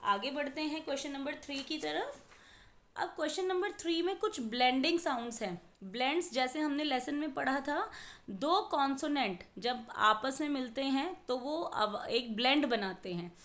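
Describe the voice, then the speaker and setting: A woman teaching a worksheet lesson to young children, gently instructive, slowly sounding out letters and blends. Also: high voice, lively intonation.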